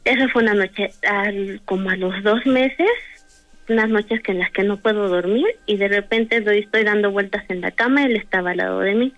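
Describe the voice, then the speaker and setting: A woman's voice: medium pitch, normal speed, fairly bright tone, faint music behind, rough recording. A woman telling a personal story in a casual, hesitant way, with many fillers and restarts. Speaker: guest telling a paranormal story.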